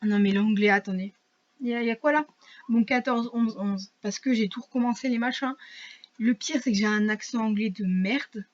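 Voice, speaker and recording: A woman's voice: a little high, normal speed, highs cut off. A teenage girl chatting casually to camera, rambling and poking fun at herself with many fillers and restarts. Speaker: vlogger.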